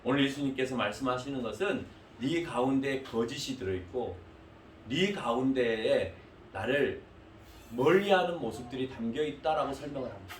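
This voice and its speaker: A male pastor preaching a sermon in a church hall, animated and speaking directly to the congregation. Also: medium pitch, moderate pace, a little hiss or hum. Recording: echoey hall, mic at a distance.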